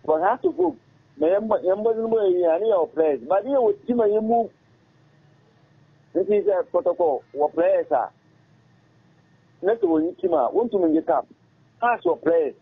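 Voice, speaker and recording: A Ghanaian ex-footballer with a husky, lively voice that sits high talks casually as an interview guest in a radio studio. Using a studio microphone on an arm, he speaks in a halting, repetitive way and switches languages mid-sentence. Everything sounds muffled, as if heard by phone.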